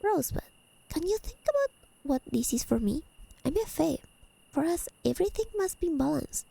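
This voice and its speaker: A woman in soft-spoken ASMR roleplay voices a haughty, teasing, possessive fae lady of the high realms, with crickets chirping behind her. Her high, mellow, creaky-edged voice is heavily acted with big pitch swings at a moderate pace, and her elegant, formal lines sound earnest and insistent. The audio is poor, with a little hiss or hum.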